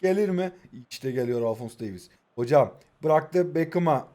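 A young man in his twenties, originally from Kahramanmaraş, who speaks with an Istanbul Turkish accent and has a rather high voice. He commentates a mobile football match live, excitable and jokey, and keeps shouting instructions at his players. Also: normal speed. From Kahramanmaraş, Turkey. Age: 20s. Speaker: mobile football gaming YouTuber.

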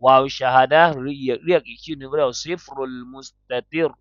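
A man's voice: mid-range voice, steady tone, no room sound, highs cut off. A man teaching the Quran, patiently explaining letter sounds and vowel lengths step by step. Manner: drawn-out melodic chanting, then patient step-by-step explanation. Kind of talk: slow Quran recitation, then explaining pronunciation.

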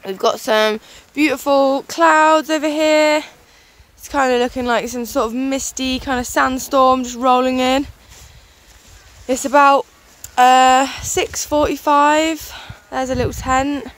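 Her voice sits high with fairly even intonation, and she takes it slowly. The young woman is a vlogger wild camping by a lake on a mountainside, laughing often as she chats casually into a handheld camera turned toward herself.

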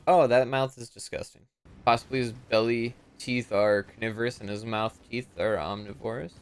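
A man's voice: mid-range voice, level tone, normal speed. A man giving casual gameplay commentary as a streamer, often frustrated, swearing and poking fun at himself. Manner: frustrated, swearing, self-mocking. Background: game music.

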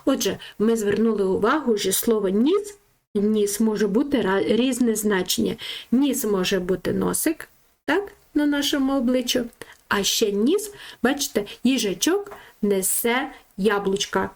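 A woman's voice: mid-range voice, expressive. A woman teaching a children's reading lesson, sounding out syllables one by one and praising her pupils. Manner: slow, syllable-by-syllable, encouraging.

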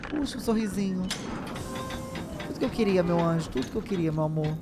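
A woman's voice: on the low side, animated, a little fast. A woman with a Brazilian accent doing casual, dramatic gameplay commentary, chatting back at the game. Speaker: gaming video host.

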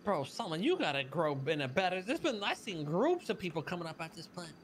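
Male, very high voice, casual online role-play talk, faint crickets behind. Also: big pitch swings, fast talker, slight background noise. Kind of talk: casual in-character game chat.

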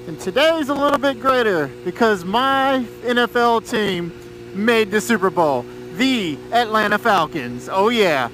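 A man's voice: high-pitched, expressive, measured pace, a bit bright. An American man in his thirties from Georgia chats casually from inside his helmet while riding a motorcycle. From Georgia, United States. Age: 30s. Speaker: motorcycle vlogger. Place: outdoors on a moving motorcycle. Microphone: mic inside a helmet. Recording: muffled helmet mic with road noise.

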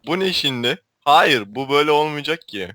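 Bright-voiced joking man in game banter. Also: fairly high pitch. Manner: joking, teasing, laughs often. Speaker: co-player. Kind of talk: casual gaming banter.

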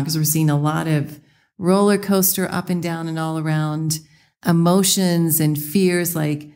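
A woman's voice: low voice, warm tone. A woman co-hosting a podcast, earnest and encouraging in a reflective chat. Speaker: podcast co-host.

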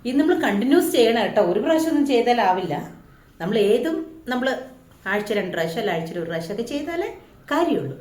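A woman's voice: fairly high pitch, very animated, fast talker, a little mellow. A woman from Kerala with a Malayali accent, chatting casually through a home beauty vlog and often checking in with her viewers. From Kerala, India. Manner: chatty, often ends lines with a tag asking the viewer. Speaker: beauty vlogger. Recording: echoey room.

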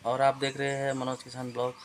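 A man in his thirties with an Indian accent chats casually to viewers, treating them like friends, in his mid-range voice. He works at a tea factory and vlogs, filming on a phone held at arm's length as he moves through the halls and yard. His delivery is fairly quick and monotone, and the phone recording picks up a lot of noisy factory ambience.

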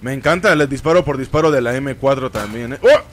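A man with a Mexican Spanish accent giving casual let's play commentary, excitable and cursing, breaking into yells. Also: mid-range voice, quick pace, a little hiss or hum. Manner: excitable, swears, bursts into yells. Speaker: gaming streamer.

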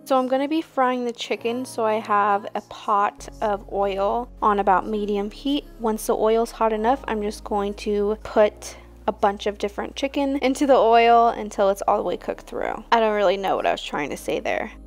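A young woman hosting a cooking channel, explaining each recipe step in a relaxed, casual voice-over. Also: mid-range voice, normal speed, hardly any pauses.

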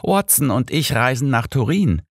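A man voicing a sharp, know-it-all older detective who lectures his friend with smug superiority. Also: medium pitch, sing-song, moderate pace, gravelly, dry recording, studio quality, voice pushed up. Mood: coaxing.

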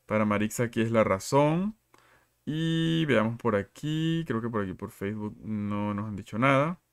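A man's voice: fairly low pitch, lively intonation, moderate pace, clean tone. Man teaching in a live class. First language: Spanish. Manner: reads out students' answers and asks questions often. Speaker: English teacher.

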